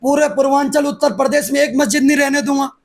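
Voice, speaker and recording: A man's voice: very high voice, quick pace. A man, speaking aggressively and defiantly as the guest in a heated political interview. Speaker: interviewee, activist.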